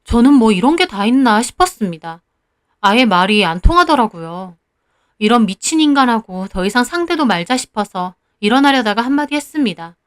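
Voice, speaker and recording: A woman's voice: on the high side, sing-song, moderate pace. Woman telling a dramatic first-person story. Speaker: story narrator.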